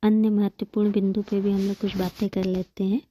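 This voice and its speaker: A woman's voice: mid-range voice, level tone, fairly quick, warm tone, slight background noise. A woman teaching a Hindi grammar lesson, patiently explaining terms, repeating them and counting examples aloud.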